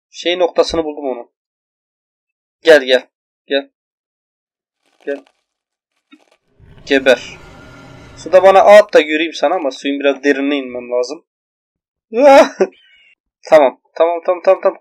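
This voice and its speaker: Excitable young man's gameplay commentary. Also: a little high. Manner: loud exclamations and swearing at enemies. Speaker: gaming YouTuber. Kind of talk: excited let's-play commentary.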